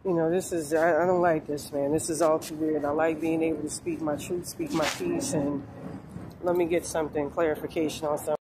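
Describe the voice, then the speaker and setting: A woman in her forties talking outdoors in a meandering, halting way with many fillers and curses, filmed on a phone held at arm's length. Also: low-pitched, flat delivery, darkish tone, low-quality recording. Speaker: vlogger. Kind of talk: rambling spiritual vlog. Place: outdoors on a sunny street. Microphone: phone held low at arm's length. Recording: phone outdoors with faint traffic noise. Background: faint street noise and passing cars.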